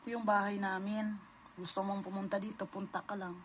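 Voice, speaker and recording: A woman gently coaxing and talking to a small bird, mixing two languages. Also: medium pitch, little pitch movement, a little fast. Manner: coaxing, mixes Tagalog and English. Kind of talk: casual talk to a pet bird. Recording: muffled with clear background noise.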